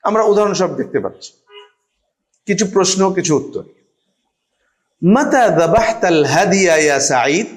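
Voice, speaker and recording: A man giving a teacher-training lecture, reading Arabic phrases aloud and explaining each one, with pauses and fillers. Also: high voice, expressive.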